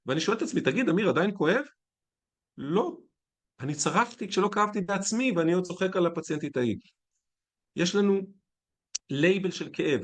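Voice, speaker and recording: A man, a physician, giving a conference lecture in a conversational, candid way with anecdotes. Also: on the high side.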